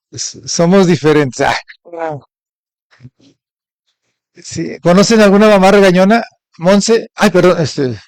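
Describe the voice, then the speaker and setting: High-voiced Mexican pastor preaching. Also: male voice, dry recording, low-quality recording. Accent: Mexican Spanish. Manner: asks the congregation frequent rhetorical questions. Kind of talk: sermon.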